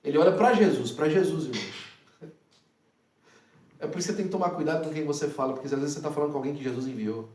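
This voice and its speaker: A man preaching a sermon, animated and full of rhetorical questions to his listeners. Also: fairly high pitch, fast talker, long pauses, a little hiss or hum. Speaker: pastor. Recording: echoey hall, from far off.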